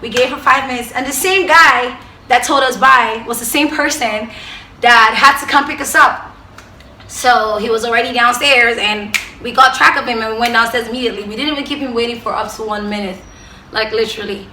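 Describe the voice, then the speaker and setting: A young woman with a Nigerian accent telling stories to camera, animated, jumping from loud bursts to hushed asides. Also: on the high side, brisk, echoey room, a little hiss or hum. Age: young adult. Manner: animated storyteller who swings from loud outbursts to hushed asides. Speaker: vlogger. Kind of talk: storytelling to camera.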